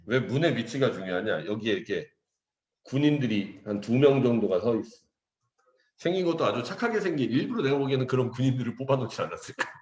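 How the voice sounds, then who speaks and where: A man in his forties tells his class a story in a joking, animated way, acting out every voice he quotes. His pitch leaps up and down freely. The sound rings in a roomy echo. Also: quick pace, highs cut off. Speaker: English teacher. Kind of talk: casual storytelling to students.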